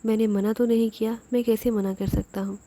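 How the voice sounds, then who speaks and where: A woman's voice: on the high side, little pitch movement, dark tone, close to an everyday voice. A woman voicing a poor male servant who asks anxiously what is happening. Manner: anxious, pleading.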